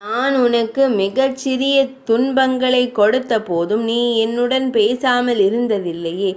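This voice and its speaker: A woman voicing a grief-stricken young king who mourns his dead wife in a slow, mournful lament. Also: fairly high pitch, lightly acted. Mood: pleading grief.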